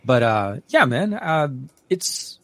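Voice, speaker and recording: A man's voice: on the high side, sing-song, slow, no echo. Male podcast co-host, casual rambler, many restarts and fillers, dry close mic. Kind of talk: casual tech podcast chat.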